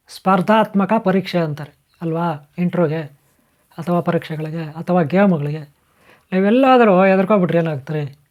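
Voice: mid-range voice, a little mellow. A channel host giving a motivational spiritual advice talk, emphatic and repetitive, speaking straight to the listener. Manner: emphatic, repeats phrases, addresses listener directly.

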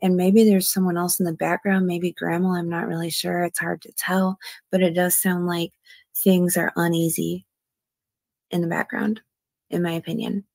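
A woman's voice: fairly low pitch, little pitch movement, normal speed, vocal fry, a little mellow, no room sound. A woman commenting on a true crime case, reading out a call and hedging her views with "in my opinion.". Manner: hedging, often adds "in my opinion".

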